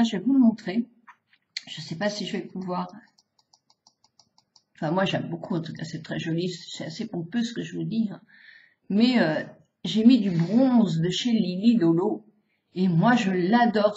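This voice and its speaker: Mellow and mid-range, this voice belongs to a French beautician in her sixties teaching a casual face-exercise class, demonstrating each move and drawing out vowel sounds. She talks at a normal speed, and the home video has a roomy, slightly dull sound.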